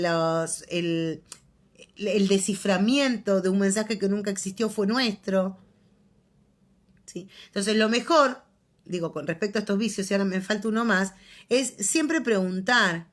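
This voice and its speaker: An Argentine-accented woman lectures her psychology students over a video call. She keeps it conversational and joking, with frequent little check-ins with the class. The sound is that of a plain computer microphone. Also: medium pitch. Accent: Argentine Spanish. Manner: chatty, joking, often checks in with "¿sí?". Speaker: psychology teacher.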